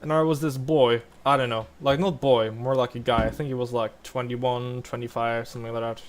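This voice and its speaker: A man's voice: medium pitch, steady tone, fairly quick. A young man casually rambling over gameplay, full of likes and restarts. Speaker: gaming vlogger.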